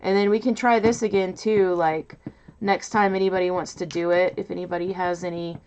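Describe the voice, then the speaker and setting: A woman hosting a casual crafting livestream in a loud, nasal voice, rambling and hesitant with lots of fillers, from a mic set off to her side. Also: fairly low pitch, flat delivery, a little fast, slight background noise. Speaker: livestream host. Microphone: mic set off to the side, away from camera.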